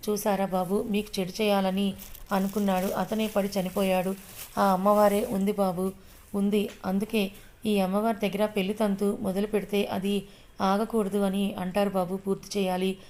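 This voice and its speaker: A woman voicing a meek, pious older male temple priest in an audio story, speaking gently and resignedly. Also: mid-range voice, level tone, moderate pace, lightly acted.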